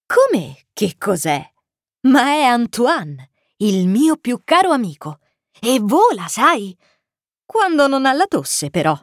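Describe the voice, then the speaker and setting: A woman's voice: a little high, big pitch swings, slow pace, no echo, studio quality. A woman voicing a kind, amazed stranded pilot in a storybook reading, speaking in a patient, coaxing way. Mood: gentle coaxing.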